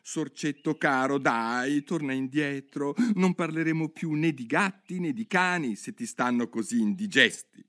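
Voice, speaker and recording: A man's voice: a little high, huge pitch swings, normal speed, voice pushed up. A man doing a chatty, eager little girl. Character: curious polite young girl.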